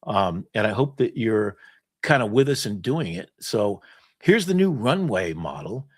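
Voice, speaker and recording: Lively laughing male show host. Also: lowish voice, a little slow, slightly rough, no room sound, studio quality. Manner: animated, laughs often. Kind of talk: casual livestream chat.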